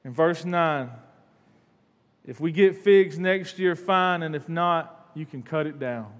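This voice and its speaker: A man's voice: on the high side, slow pace. A man, preaching a sermon in earnest from a church stage. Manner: earnest, repeats words, paces the stage. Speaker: pastor. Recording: long hall reverb in a church.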